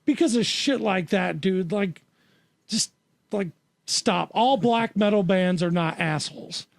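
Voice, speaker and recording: A man co-hosting a casual podcast chat, joking and rambling with quick laughs. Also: high-pitched, gravelly, no echo. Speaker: podcast co-host.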